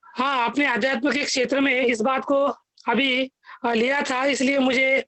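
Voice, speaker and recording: A man speaks over a video call through a clipping, distorted mic that keeps breaking up. His voice sits high and sounds dry and close with no room around it. He is deferential and earnest, addressing the guest as sir again and again. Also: level tone, unhurried, bright, forceful tone, no room sound. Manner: deferential, says sir often. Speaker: caller joining a live video session. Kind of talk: polite earnest question to a guest.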